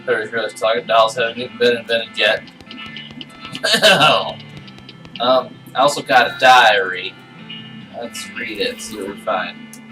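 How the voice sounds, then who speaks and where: A man's voice: medium pitch, measured pace, long pauses, sharp tone. A man giving casual playthrough commentary, thinking aloud in a playful mutter as he plays. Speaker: gamer playing and narrating a game. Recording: distant mic, game music behind.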